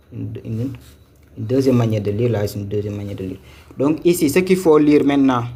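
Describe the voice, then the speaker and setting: A man teaching Quran reading in a live online lesson, patiently repeating and spelling out syllables slowly. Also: medium pitch, mellow, slight background noise.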